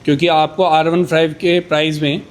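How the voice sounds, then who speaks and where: A man pitching used superbikes in a casual, boastful way, rattling off price countdowns. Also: flat delivery, moderate pace, slight background noise.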